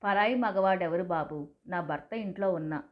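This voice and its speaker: A woman's voice: fairly low pitch, normal speed, muffled recording, close to an everyday voice. A woman voicing an older mother who speaks firmly and sternly. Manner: firm, stern. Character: older mother, firm and dignified.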